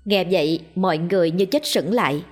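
A woman narrating a scripted ghost story in an even, measured storytelling manner. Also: lowish voice. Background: faint music.

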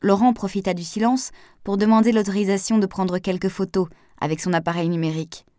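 A woman narrating an audiobook in a steady, even reading voice. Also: medium pitch, brisk, no room sound, clean studio sound.

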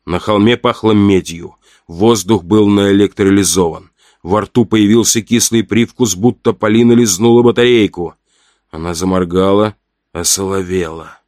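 A man reading a horror audiobook in a measured, dramatic narration. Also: on the low side, a little mellow, no echo, studio quality.

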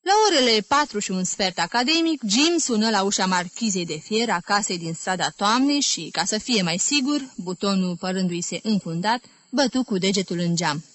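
Woman narrator for a literary audiobook, measured and even, mid pitch, dry close sound. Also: no echo. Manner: measured, clear reading.

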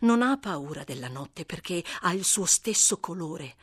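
A woman reading a novel aloud as an audiobook narrator, measured and expressive. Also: fairly low pitch, slightly rough, no room sound, clean studio sound. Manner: measured, expressive, dramatic slowing. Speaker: audiobook reader. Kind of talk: scripted literary narration.

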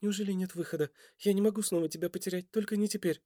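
A man voicing a frightened young mother who speaks softly, pleading and tearful. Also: sits high, steady tone, fast, no room sound, studio quality, pitched above the performer's own voice, lightly acted.

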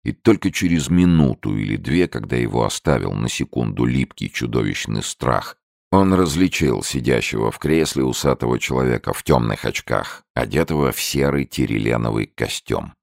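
A man narrating a crime novel in a measured, expressive storytelling manner. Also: very deep voice, creaky, no echo, studio quality. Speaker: audiobook narrator.

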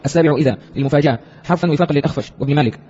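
Husky-voiced man reading a text fast. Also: fairly high pitch, a little mellow, in a large hall, muffled recording. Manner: recites numbered points in quick succession. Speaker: student reading the text aloud.

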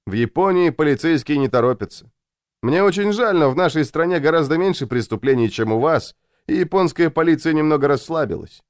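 A man voicing a polite, unflappable Japanese businessman who speaks in a courteous, calm and measured way. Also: on the high side, clear, resonant tone, no echo, clean studio sound, pitched above the performer's own voice, close to an everyday voice.

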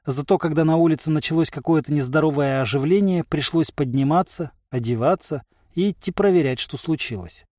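Male audiobook narrator, slightly high voice, dry close mic, steady wry reading. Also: fairly quick, few pauses, no echo.

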